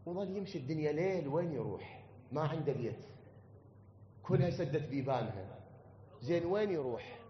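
A man's voice: a little high, animated, fairly quick, pauses often, a little hiss or hum. A man with an Iraqi accent preaching a mourning sermon, telling a story that rises into a wailing chant. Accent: Iraqi Arabic. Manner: impassioned, rising to wailing chant. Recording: dull lo-fi recording.

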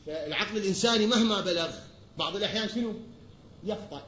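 A man's voice: high-pitched, racing, fairly bright tone. A man with an Iraqi Arabic accent preaching from a pulpit. He speaks emphatically, asking his listeners rhetorical questions and answering them himself. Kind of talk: pulpit sermon. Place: pulpit in a large hall. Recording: echoey hall, dull lo-fi sound.

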